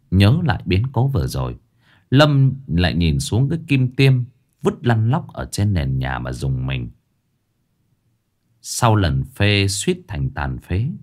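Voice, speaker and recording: A man narrating a ghost story in an expressive, dramatic way. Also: deep voice.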